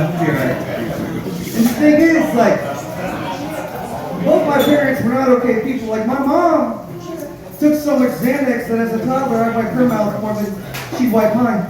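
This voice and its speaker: A man performing live stand-up comedy, telling crude, profane, dark-humored stories in a conversational way straight to the crowd. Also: very high voice, lively intonation, normal speed. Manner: conversational storytelling, addresses the crowd directly. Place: live comedy show with audience, echoey room. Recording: echoey room, distant mic, audience noise.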